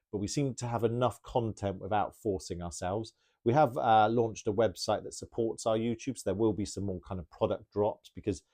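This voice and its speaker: A man's voice: lowish voice, mellow. A man who works as a bike mechanic, chatting casually and enthusiastically through viewer questions, rambling a little with restarts. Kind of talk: casual Q&A talk.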